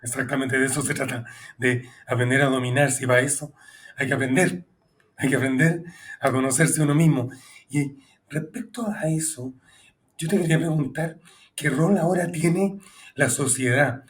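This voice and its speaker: A man's voice: medium pitch, moderate pace. A man hosting an interview podcast, asking long and thoughtful questions in a conversational way. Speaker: podcast host.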